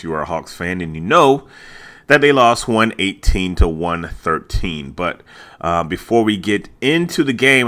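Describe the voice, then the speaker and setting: A man with a fairly low voice chats casually as host of a sports podcast. He is laid-back and colloquial, doubling up phrases for emphasis. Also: pushed and bright.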